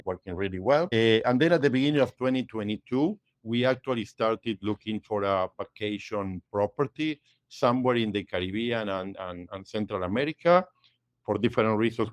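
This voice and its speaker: Man, 50s, measured explaining, frequent fillers, deep-ish voice. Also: dry recording. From Argentina. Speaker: guest, realtor and investor. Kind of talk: casual interview.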